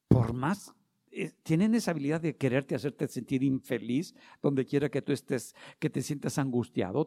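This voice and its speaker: A middle-aged man delivers a sermon in a mellow, warm voice. He leans into key phrases with rising force and slips into short acted dialogues to make his point. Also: mid-range voice. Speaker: preacher.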